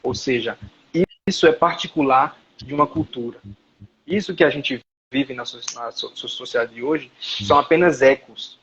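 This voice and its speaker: A man's voice: mid-range voice, normal speed, fairly bright tone, lo-fi sound, slight background noise. A man, lecturing as a professor in a live online class and searching for words aloud as he explains.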